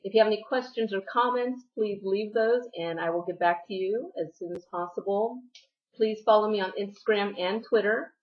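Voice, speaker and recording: A woman's voice: medium pitch, moderate pace, muffled recording. Woman narrating a makeup tutorial. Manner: friendly step-by-step instructions. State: slightly losing her voice. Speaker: beauty vlogger.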